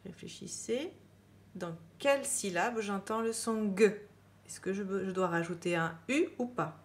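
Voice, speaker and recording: A woman teacher giving a dictation lesson to children, repeating each word with emphasis and spelling it out letter by letter. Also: medium pitch. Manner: slow, clear dictation, spelling words letter by letter. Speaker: primary school teacher.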